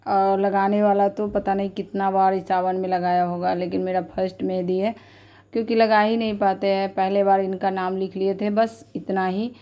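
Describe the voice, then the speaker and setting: A woman vlogger in her thirties narrates casually and with feeling, chatty and heartfelt, often repeating herself. Her voice is medium-pitched and warm.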